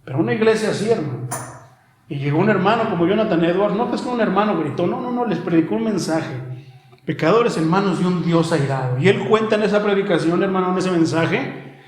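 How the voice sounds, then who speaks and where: Rich A high-voiced man preaches with fervor, calling his listeners "brother" again and again. His voice rings out in an echoey room. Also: fast. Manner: impassioned preaching, often calls out "brother". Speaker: pastor. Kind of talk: sermon. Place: church.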